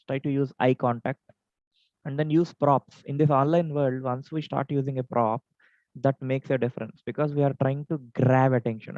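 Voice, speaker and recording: A speech contest trainer gives an online educational talk about public speaking over a video call at home, speaking with an Indian English accent in a medium-pitched, dark-toned voice. Unwell and dry-throated, he lays out points instructively like a list, varying his pace for examples. The recording is dry and lo-fi.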